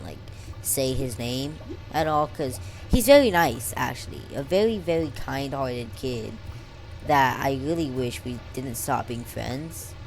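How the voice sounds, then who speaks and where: Poor audio carries a young girl's rumbling low voice as she vlogs casually and without a script, rambling in slang about her life over gameplay. She stutters a bit, and her speech impediment makes her R sounds come out as W.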